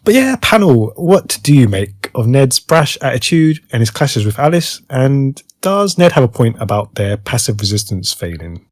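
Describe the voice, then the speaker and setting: A man steering a podcast panel, bringing up new topics and asking questions. His pitch moves a lot through a middle register, and the sound is dry and close. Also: big pitch swings, normal speed, hardly any pauses, dry recording. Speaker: podcast host. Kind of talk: casual chat.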